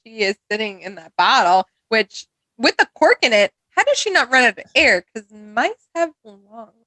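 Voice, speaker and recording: A woman's voice: a little high, sing-song, moderate pace, sharp tone, dry recording, rough recording. A woman co-hosting a casual film podcast, chatty and laughing often. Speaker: podcast co-host.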